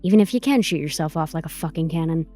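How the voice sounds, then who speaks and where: In an audio drama, a woman with a low, dark-toned voice talks fast and animatedly with faint music behind her. She plays a tough, brassy, protective advocate coaching her client, sounding admiring yet firm, and is blunt, slangy and profane.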